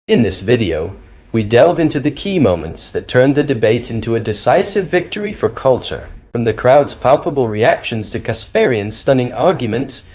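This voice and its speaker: A man's voice: mid-range voice, very animated, moderate pace, a little mellow, slightly rough. A man narrating scripted voice-over commentary in an opinionated, declamatory way.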